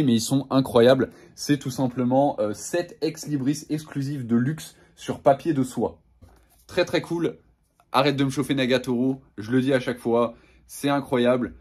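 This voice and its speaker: Enthusiastic young man, husky voice. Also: mid-range voice, a little mellow. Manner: enthusiastic, slangy, many fillers. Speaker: manga vlogger. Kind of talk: casual haul review.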